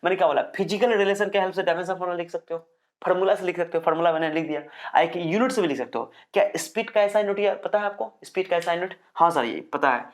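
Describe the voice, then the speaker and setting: A young man teaching physics. He explains step by step, repeats his questions, answers them in his students' voice and reads English definitions out slowly, sounding a little low on energy. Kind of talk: recorded classroom lecture.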